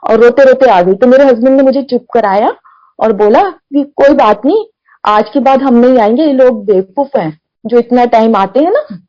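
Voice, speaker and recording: A woman's voice: a little high, lively intonation, normal speed, warm tone. Earnest middle-aged woman, dull lo-fi sound. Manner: earnest, emotional retelling with quoted dialogue. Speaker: devotee sharing testimony. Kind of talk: personal testimony storytelling.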